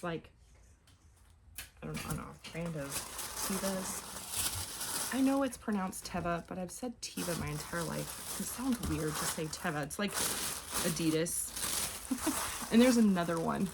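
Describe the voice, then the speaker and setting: A woman in her forties talks in an easy, rambling way as she packs up orders at home, often losing her thread and picking it back up. Her voice sits at an ordinary middle pitch. A clear hiss of noise runs under the home recording. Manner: rambling and chatty, often trails off. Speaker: online clothing reseller. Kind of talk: casual vlog chat while packing orders.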